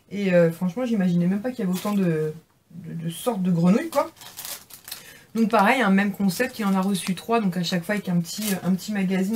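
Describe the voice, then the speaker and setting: A young woman in a casual haul video, chatting warmly about gifts, with many fillers and restarts. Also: medium pitch, slight background noise. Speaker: beauty vlogger.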